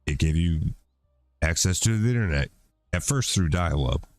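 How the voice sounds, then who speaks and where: A middle-aged man with a lowish voice talks through a gaming stream in a loose, rambling way, dropping profanity casually. The sound is dry and close, with no room echo. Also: animated, normal speed. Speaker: game streamer. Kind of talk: casual chat while gaming.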